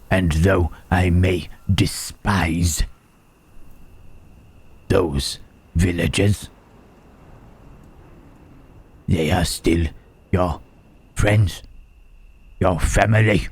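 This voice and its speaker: A man playing Frankenstein's monster in an ASMR roleplay, a gentle, melancholy reanimated creature who speaks in a hushed, halting, formal way. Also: low voice, breathy edge, exaggerated voice. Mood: solemn, fond.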